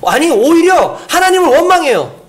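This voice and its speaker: A man's voice: very high voice, very animated, moderate pace. A man preaching a sermon as pastor, acting out quoted voices with dramatic shifts. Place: church sanctuary.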